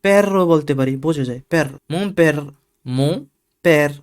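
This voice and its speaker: A man's voice: fairly high pitch, smooth. A man teaching French pronunciation, saying each sound over and over and explaining how to shape the mouth. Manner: repeats sounds slowly, drilling each letter. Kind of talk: pronunciation lesson.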